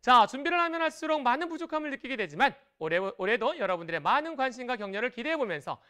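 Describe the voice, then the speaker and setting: A woman teaching Chinese in a broadcast lesson, lively and encouraging as she explains tones and patterns. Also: a little high, quick pace, smooth.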